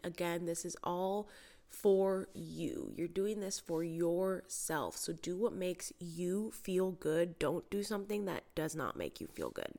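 A woman with a slightly low voice talks casually as a solo podcast host. She sounds congested, with the stuffy nose of a head cold. Her way of talking is chatty and informal. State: has a cold. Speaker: podcast host and mindset coach.

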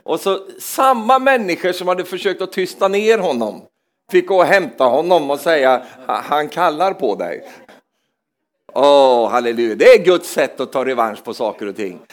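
A man preaching a charismatic sermon in a church, swinging between loud exclamations and hushed asides, often repeating words as he goes. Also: a little high, lively intonation.

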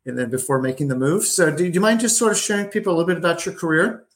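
Male show host, friendly and talkative, warm-up chat with a guest. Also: on the high side, lively intonation, very fast. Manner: upbeat, chatty, with frequent fillers. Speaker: podcast host. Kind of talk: conversational interview hosting.

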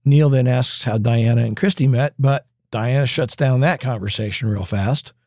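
Guy doing a casual podcast recap, mellow tone, dry close mic, kinda wry. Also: mid-range voice, normal speed, no echo. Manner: wry, conversational recap with asides. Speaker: podcast host. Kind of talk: episode recap narration.

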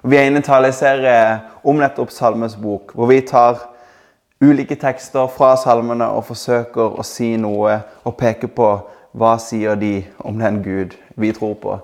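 Calm, gravelly-voiced male pastor preaching. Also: mid-range voice. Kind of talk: sermon.

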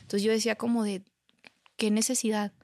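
A woman's voice: medium pitch, flat delivery, a little fast, mellow, no room sound. A woman from Mexico with a Mexican Spanish accent, a podcast guest candidly recounting her story in casual chat, dropping "you know" and "I mean" often. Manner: candid, peppers her story with "¿sabes?" and "o sea".

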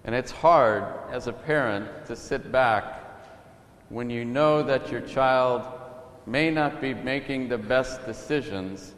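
Pausado sacerdote en una iglesia con eco. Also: male voice, medium pitch. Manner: calm, storytelling preacher. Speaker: priest. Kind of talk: gospel reading and sermon. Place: church. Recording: echoey church from a distance.

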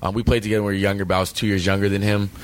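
Deep-voiced young college athlete. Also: male voice, flat delivery. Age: young adult. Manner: halting, many fillers and restarts. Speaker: college football running back. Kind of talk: post-game interview.

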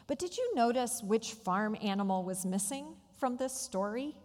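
A woman pastor preaching a sermon with measured storytelling delivery. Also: a little high, animated, a little mellow, in a large hall.

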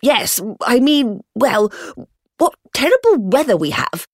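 A woman's voice: fairly high pitch, big pitch swings, slow pace, no echo, clean studio sound, full character voice. A woman voicing a clumsy, vain young man who stammers and gets flustered.

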